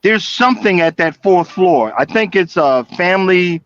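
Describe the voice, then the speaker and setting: A high-voiced man tells a rambling story in casual chat, tripping over and repeating his words. His voice sits dry and close on the mic. The sound is a little dull and muffled. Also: expressive, moderate pace, a bit bright, no echo, soft background music. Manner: stammering, repeats words while telling a story. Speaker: guest on live stream.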